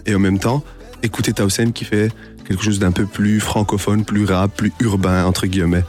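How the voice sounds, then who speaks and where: A young man, a guest on a radio show, talking casually and relaxed, with many fillers and restarts. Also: lowish voice, moderate pace, faint music behind. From Italy. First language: Italian. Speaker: guest artist. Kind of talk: casual interview chat. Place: radio studio.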